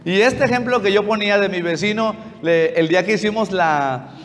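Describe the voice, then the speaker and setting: A man's voice: sits high, moderate pace, big-room sound. A man preaching a sermon as pastor, telling stories and acting out conversations with a neighbor. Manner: storytelling, acting out dialogue with a neighbor.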